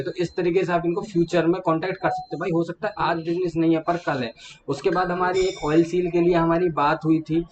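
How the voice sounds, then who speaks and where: A man's voice: fairly high pitch, darkish tone. A man, casually retelling client conversations in a vlog and speaking to viewers like friends. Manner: chatty, retells client calls, addresses viewers as brother. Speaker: small manufacturer sharing business lessons. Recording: dull lo-fi sound with faint background hum.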